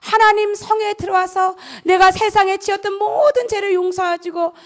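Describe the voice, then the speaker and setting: A middle-aged woman with a notably high voice preaches a sermon in a church. She tells the story with lively, dramatic energy. She often drops to an intense whisper for emphasis. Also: moderate pace. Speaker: pastor's wife preaching. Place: church sanctuary.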